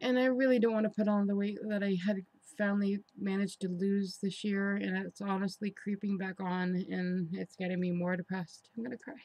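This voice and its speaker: A woman giving a candid, rambling confessional vlog, sounding frustrated and halting as she talks indoors. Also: mid-range voice, flat delivery, darkish tone, no room sound, low-quality recording. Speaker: personal vlogger. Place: indoors in an apartment.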